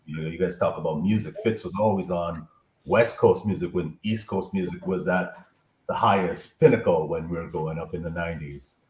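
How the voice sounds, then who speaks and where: Casting: low-voiced man reminiscing, on a roomy remote line with faint hiss. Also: a little fast. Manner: reminiscing, tells a story with warm praise. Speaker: guest. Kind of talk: casual chat.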